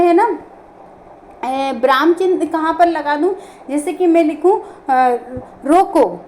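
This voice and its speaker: A woman with a high voice gives an online grammar lesson. She works through each point step by step, asking a question and then answering it herself. There is faint ambient noise in the room behind her. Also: a little mellow. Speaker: teacher.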